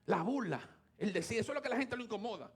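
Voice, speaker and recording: A Dominican man preaching a sermon, moving between hushed talk and loud shouted praise. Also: high voice, lively intonation, fast talker, breathy edge. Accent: Dominican Spanish. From Dominican Republic. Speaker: pastor.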